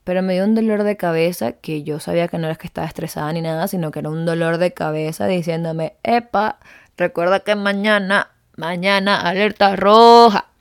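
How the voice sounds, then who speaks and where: A woman's voice: lowish voice, warm tone, no room sound, studio quality. A young adult woman talking to her listeners in a casual, confiding personal monologue, chatty and openly emotional as she tells a story. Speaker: podcast host.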